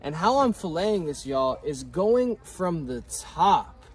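A man's voice: on the high side, sing-song, takes it slowly. A man hosting an outdoor cooking vlog, upbeat and saying y'all a lot. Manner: upbeat, says y'all often. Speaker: vlog host. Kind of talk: casual vlog chat.

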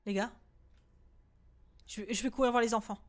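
A high-pitched young woman giving let's-play commentary on a horror game. She talks to her viewers in a chatty, swearing flow, stacking up rapid repeated words and letting out shrieks at the jump scares. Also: steady tone. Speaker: gaming streamer.

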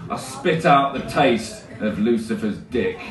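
Rhythmic spoken word poet in an echoey room. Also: male voice, medium pitch, lively intonation, measured pace, recorded from a distance, very noisy. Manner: rhythmic, tongue-twisting rhyming delivery. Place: small stage with colored lights. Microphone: stand mic, filmed by a far camera.

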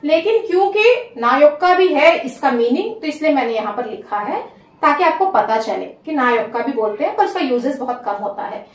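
Woman teaching slowly, high lively voice. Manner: slow, repeats each phrase for learners. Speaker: language teacher. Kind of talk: spoken language lesson. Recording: echoey room, a bit far from the mic.

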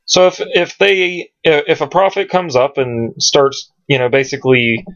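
A man teaching from scripture at home in a casual, rambling way, searching his computer aloud with many pauses and ums. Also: a little high, fairly even intonation, a bit bright. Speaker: Bible teacher. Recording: dull lo-fi home recording.

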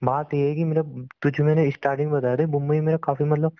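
A man's voice: fairly high pitch, flat delivery, quick pace, no room sound, lightly acted. A young man playing a frustrated boyfriend who tries to reason with his girlfriend on a phone call in a scripted drama. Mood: exasperated. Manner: exasperated, pleading, reasoning. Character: frustrated young boyfriend, defensive but trying to stay calm. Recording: dull, dry lo-fi recording.

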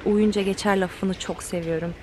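A young woman talking straight to her viewers in a candid, unscripted way, stopping and restarting as she recalls things. Her voice sits at an ordinary middle pitch. A faint hum of outdoor traffic runs underneath. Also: moderate pace. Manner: candid, animated, with many fillers and restarts. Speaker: vlogger. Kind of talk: personal storytelling to camera.

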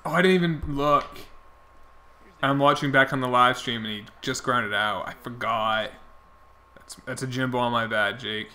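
His mid-range voice sounds pushed and bright at a normal speed as this young man streams a baseball game and rambles to his chat. He's losing his voice as he goes.

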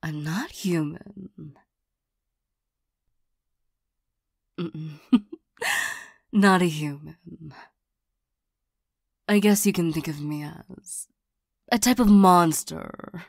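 A woman voicing a flirtatious, lonely female demon in an ASMR role-play, soft and partly soft-spoken, coaxing and teasing, easily irritated. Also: fairly low pitch, drawn-out words, creaky, long pauses, slightly rough, no room sound, clean studio sound, full character voice. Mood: coaxing, seductive. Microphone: close microphone.

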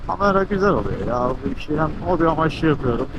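A man's voice: on the high side, big pitch swings, quick pace. A man from Turkey chats casually and upbeat as a motovlogger, speaking slightly muffled from inside a helmet while riding outdoors. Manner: upbeat, talking to viewers and to his bike. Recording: wind and engine noise over helmet mic. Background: wind and vehicle noise.

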